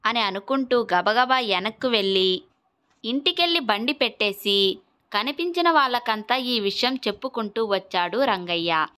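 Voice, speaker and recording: Woman storyteller for a kids' moral tale, bright and crisp, slightly high voice. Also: moderate pace. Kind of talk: scripted children's story narration.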